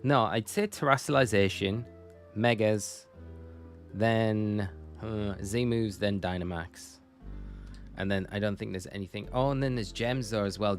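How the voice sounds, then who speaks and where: A young man with a lowish voice chats loosely with his viewers, often correcting himself mid-sentence. His talk rambles in an easy live-stream style, with faint music playing underneath. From Northumberland, England. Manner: chatty, rambling, self-correcting.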